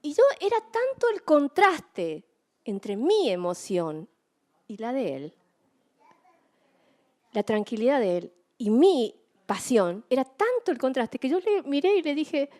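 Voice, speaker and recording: A middle-aged woman preaching a sermon, telling stories in an animated way and acting out her own excited shouts. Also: high voice, takes it slowly.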